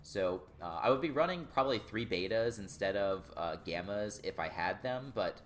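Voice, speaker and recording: A young man casually explaining his card game deck, relaxed and full of filler words. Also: fairly low pitch, moderate pace, soft background music. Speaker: gaming YouTuber.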